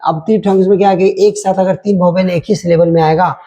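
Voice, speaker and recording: A man's voice: high voice, steady tone, brisk, dark tone. A man teaching an English grammar lesson, spelling words out letter by letter and checking in often.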